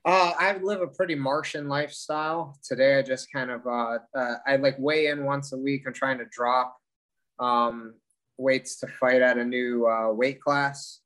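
A man speaking as a podcast guest in casual interview chat, haltingly thinking aloud as he explains. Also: medium pitch, steady tone, fairly bright tone. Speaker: podcast guest, occult practitioner.

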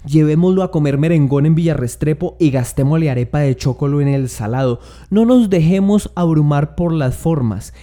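Tolima Colombian man, mellow yet higher voice, passionate sarcastic comedic rant. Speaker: comedic English-teaching commentator.

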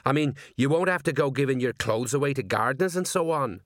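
A man's voice: mid-range voice, expressive, fairly quick, dry recording, natural voice. A man voicing a male watchman who talks in a dry, teasing way.

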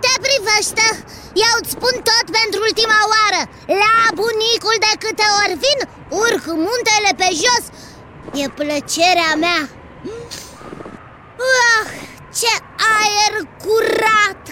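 A performer voicing Bici, a boastful, cheerful young boy in a cartoon who is quick to argue. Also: extremely high pitch. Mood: bossy cheerful. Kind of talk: cartoon dub acting. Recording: loud background noise.

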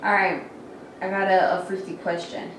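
A woman's voice: medium pitch, flat delivery, normal speed, distant mic. Blunt woman chatting in an echoey room. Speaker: podcast co-host reading out viewer comments. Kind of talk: casual chat. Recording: echoey room, faint noise.

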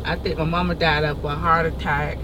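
A middle-aged Florida woman with a Southern Florida accent and folksy drawl speaks in a low, flat, brisk voice, rambling and repeating herself. She's a passenger being interviewed in casual chat inside a car. Road noise from the moving vehicle fills the recording.

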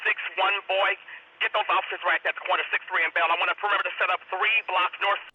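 A man's voice: high voice, steady tone, fast, husky. A male police dispatcher heard over a police radio transmission, giving clipped, commanding orders and repeating key words urgently. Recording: muffled police radio recording with faint hiss.

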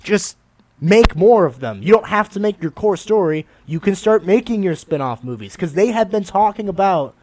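A man hosting a podcast, talking casually about films in an animated, opinionated way with loose swearing. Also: high voice, normal speed. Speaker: podcast host. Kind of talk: casual film discussion.

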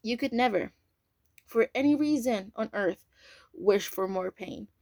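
A woman's voice: on the high side, a little slow, gravelly, a little mellow, no echo, clean studio sound. Woman reading an audiobook. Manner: casual reading with slips and asides. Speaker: audiobook reader. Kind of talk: audiobook narration.

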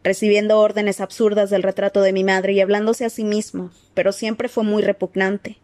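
A woman's voice: medium pitch, flat delivery, normal speed, darkish tone, no room sound, close to an everyday voice. Sirius, a woman playing a cold scornful man.

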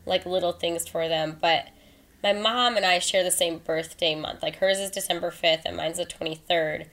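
A woman co-hosting a casual chat podcast, easygoing and quick to laugh. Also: lowish voice, fairly even intonation, a bit bright. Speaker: podcast co-host.

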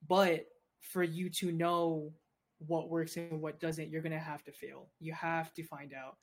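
A man's voice: fairly high pitch, little pitch movement, unhurried. A young adult man co-hosting a casual podcast, talking in a laid-back, easygoing way with casual slang. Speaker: podcast co-host. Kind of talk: casual chat.

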